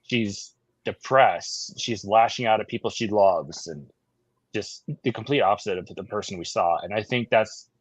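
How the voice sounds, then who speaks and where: A man's voice: lowish voice, normal speed, slightly rough, no echo. A man co-hosting a casual podcast who explains his views in a thoughtful way. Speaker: podcast co-host. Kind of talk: casual chat. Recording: dull lo-fi sound.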